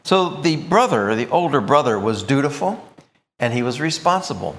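A man preaching a sermon, emphatic and expressive, explaining scripture with thoughtful asides. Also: mid-range voice, moderate pace, in a large hall.

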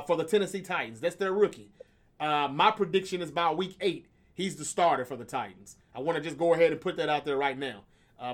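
A man hosting a casual sports debate podcast, animated and making bold predictions. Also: a little high. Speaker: podcast host.

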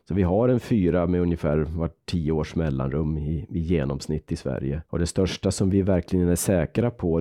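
A man guest on a podcast, explaining quakes in a measured way with frequent restarts. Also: low voice, mellow, no room sound, clean studio sound. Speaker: seismologist guest.

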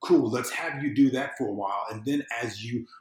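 A man from the southern United States, a civic engagement consultant, chats casually as a podcast guest in a conversational interview. He talks fairly quickly at medium pitch, rambling, often repeating his phrases and explaining through acted-out everyday examples. The recording sounds roomy and echoey.

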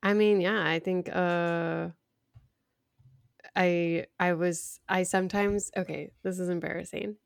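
A young adult woman with vocal fry, chatting casually as a podcast co-host in a wry, self-deprecating way. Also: fairly low pitch, steady tone, slow, dry recording, studio quality.

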